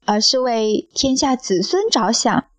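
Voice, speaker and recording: Playful young disciple, soft muttering, slow, dry, as a woman narrator reads him. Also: on the high side, lively intonation, no room sound. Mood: musing.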